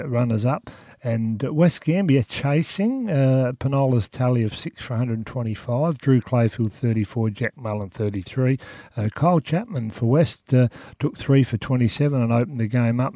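A man with an Australian accent reports local sport in a soft, mellow voice. He talks colloquially, as in a chatty radio round-up, and the sound is close and dry. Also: medium pitch, dry recording. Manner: colloquial, jokey nicknames and slang.

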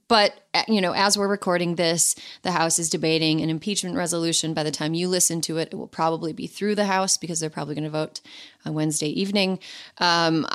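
A woman's voice: lowish voice, fairly bright tone. A woman hosting a podcast in casual chat, wry and sarcastic, with plenty of profanity. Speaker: podcast host.

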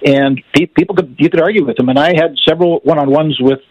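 Fast-talking man over the phone. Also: a little high, slightly rough, no echo. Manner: brisk, frank, stumbles over repeated words. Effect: heard over the phone. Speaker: call-in guest, former politician. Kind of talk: casual call-in chat. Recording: muffled phone line, dry.

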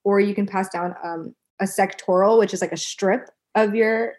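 A young woman talking as a guest on a podcast, chatty and animated, laughing often. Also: medium pitch, moderate pace. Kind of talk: casual chat.

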